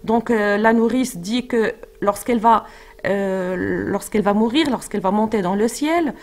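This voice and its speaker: A woman's voice: medium pitch, moderate pace, a little mellow. A woman French teacher, explaining a literary passage and checking in with her class. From Morocco. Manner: explanatory, checks with frequent "d'accord?"; hesitant, with fillers and restarts.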